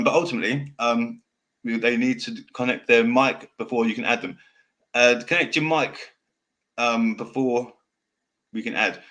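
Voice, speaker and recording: A man's voice: fairly low pitch, fairly bright tone. A man hosting an off-the-cuff podcast who can't pronounce his R's, saying w for r, and talks in a direct, passionate, rambling way, often losing his thread and swearing casually. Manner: fast, direct, passionate delivery that can sound angry. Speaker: podcast host.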